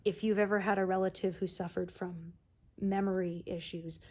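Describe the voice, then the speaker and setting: A woman's voice: on the low side, fairly even intonation, moderate pace, a little mellow. A woman hosting a cross-stitch video, chatting casually as she works, rambling with fillers and laughing often. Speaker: crafting video host.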